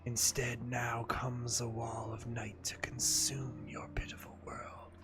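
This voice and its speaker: A man voicing a monumental, ancient, menacing serpent in a breathy hissing whisper, slow and ominous, for a game story. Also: medium pitch, monotone, music in the background, natural voice.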